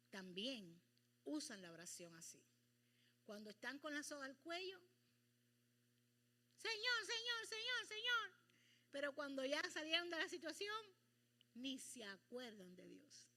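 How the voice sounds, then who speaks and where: A middle-aged woman pastor leading a Bible study, animated and acting out prayers and bits of dialogue. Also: sits high, unhurried, pauses often.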